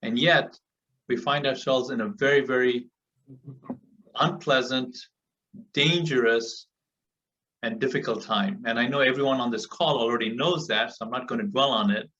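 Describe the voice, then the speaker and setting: A man from Africa gives an earnest, motivational speech on a group call, hammering his points home through repetition. His mid-range voice has a sharp tone, a moderate pace and long pauses. The call audio sounds muffled and distant.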